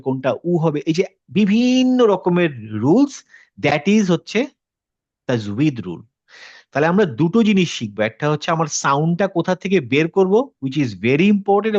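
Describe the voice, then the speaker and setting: A man's voice: fairly high pitch, no echo, highs cut off. A man teaching a Quran tajweed class online. He explains patiently, drops English words into his talk and stops to check that students follow.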